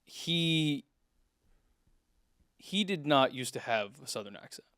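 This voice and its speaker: A man in his twenties co-hosting a podcast, chatting in a relaxed way with short agreeing replies. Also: medium pitch, slow, smooth, no echo, clean studio sound. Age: 20s. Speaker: podcast co-host. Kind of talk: casual podcast chat.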